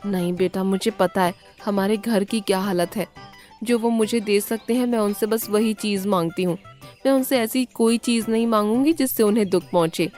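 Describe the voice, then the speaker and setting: A woman voicing a modest, sensible wife and mother in an animated cartoon, speaking in a lower, soft, calm voice. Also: moderate pace, soft background music, natural voice. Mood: gentle.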